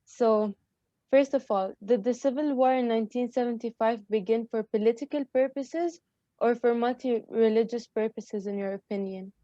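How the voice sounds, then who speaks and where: A woman reads a scripted introduction and puts questions to interviewees in a measured, even manner. Her voice is warm and dark, slightly raised in pitch. The recording is dull, lo-fi and dry, with no room sound. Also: dry recording. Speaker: interviewer and narrator.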